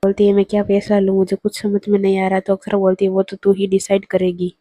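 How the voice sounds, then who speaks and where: A woman's voice: mid-range voice, monotone, quick pace, dark tone, no echo. A woman narrating an episode recap of a TV serial, retelling scenes by quoting each character's dialogue in a level tone. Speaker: TV serial reviewer.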